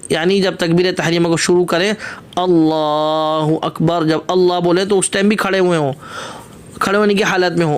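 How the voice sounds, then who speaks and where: High-voiced male religious teacher explaining a text. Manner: reads a phrase of a classical text, then explains it line by line; asks rhetorical questions and answers them himself. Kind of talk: classroom text lesson.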